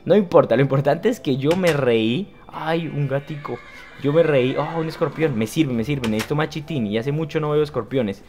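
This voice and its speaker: Lively young man narrating a game. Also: on the high side, normal speed, soft background music. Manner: lively, exclamatory, talks to viewers as "señores". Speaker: gaming youtuber. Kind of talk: casual let's play commentary.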